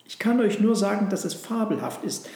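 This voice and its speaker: Earnest little donkey played by a man, humble, kind, storybook voice, slightly high, echoey room. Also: expressive, brisk, creaky, a little mellow. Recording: roomy echo.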